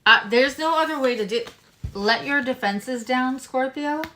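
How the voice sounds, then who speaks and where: Her voice is high, pushed, and bright as this woman does a casual live tarot stream, drifting unhurriedly from card readings into side remarks. Her speech is slightly hindered by a swollen tongue.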